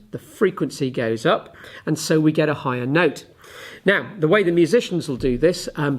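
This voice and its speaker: Chatty male physics teacher explaining calmly. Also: a little high. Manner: chatty, fills pauses with ums, demonstrates with objects. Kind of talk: relaxed classroom explanation to camera.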